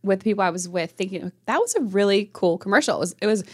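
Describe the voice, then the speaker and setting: A woman's voice: mid-range voice, lively intonation, fast talker, a little mellow. A woman hosting a podcast, asking curious, conversational questions. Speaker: podcast host. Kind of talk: interviewing.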